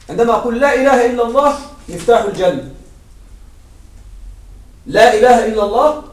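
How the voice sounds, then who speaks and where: A high-pitched man teaches a grammar lesson, working through each point slowly and stopping to ask his students whether they follow. He is recorded from some distance in a roomy, echoing space. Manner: explains step by step, often checks with students. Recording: echoey room, mic far off.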